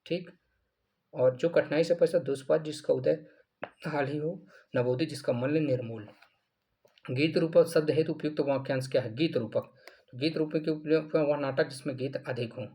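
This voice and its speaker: A man's voice: on the high side, dark tone. A male teacher walking through mock exam answers, repeating each answer and asking then answering his own questions. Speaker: Hindi grammar teacher.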